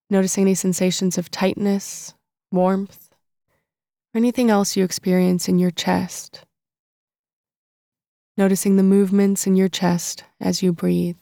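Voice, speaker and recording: Woman, soft creaky voice, even pitch, calm soothing meditation guide, unhurried with long pauses. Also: dry recording, clean studio sound. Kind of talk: guided body-scan meditation narration.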